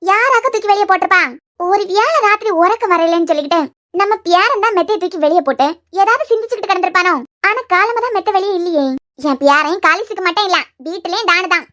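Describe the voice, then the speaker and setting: A sharp-tongued old grandmother, voiced by a woman, in a cartoon. She talks in a very high, quick voice, scolding her son and boasting about her grandson. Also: animated, heavily acted. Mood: musing. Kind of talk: cartoon voice acting.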